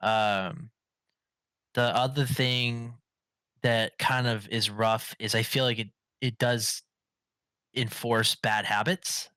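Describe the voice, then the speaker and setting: Bright-voiced man on a gaming podcast. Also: mid-range voice, fairly even intonation, slow, pauses often, clean tone, no echo. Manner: rambling, lots of fillers and restarts. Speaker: podcast host. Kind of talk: casual gaming podcast chat.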